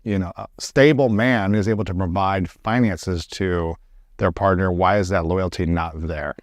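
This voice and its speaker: A male podcast host asks curious questions and thinks aloud with frequent fillers. His voice sits a little low, and the recording is dry and close. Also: fairly even intonation, moderate pace, no echo. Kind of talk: podcast interview.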